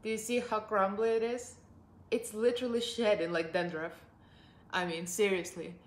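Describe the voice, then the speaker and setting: A beauty vlogger in her forties from Russia sits on her living room sofa reviewing makeup, chatty and upbeat with lots of laughter and a Russian accent. Her mid-range voice holds a steady tone at normal speed in an echoey room.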